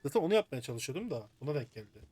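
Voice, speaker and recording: A man's voice: medium pitch, big pitch swings, rapid-fire, mellow, dry recording. A man commentating his own video game play, muttering to himself in frustration as he works through a puzzle. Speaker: gaming streamer.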